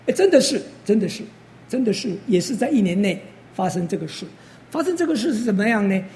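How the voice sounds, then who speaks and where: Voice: mid-range voice, very animated, a little fast, darkish tone. An older preacher, giving a testimony sermon as a story, full of interjections and quoted dialogue.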